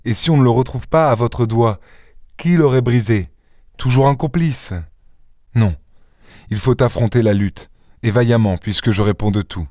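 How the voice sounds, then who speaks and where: A man voicing a calm, commanding gentleman who speaks firmly and reassuringly in an audiobook. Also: medium pitch, no room sound, studio quality, lightly acted. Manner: firm, reassuring, measured. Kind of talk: audiobook character reading.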